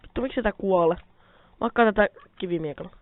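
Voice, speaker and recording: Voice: medium pitch, no room sound. A let's player giving casual gameplay commentary, rambling to themself and the viewers and swearing often as they grumble at the game. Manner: rambling, self-talking, addresses viewers. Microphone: quiet mic held close. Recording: tinny phone-like mic, dry.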